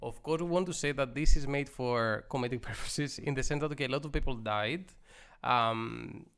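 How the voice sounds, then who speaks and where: A man's voice: mid-range voice, normal speed, fairly bright tone, clean tone. A young man co-hosting a podcast in casual comedic chat, teasing and bantering with his co-host.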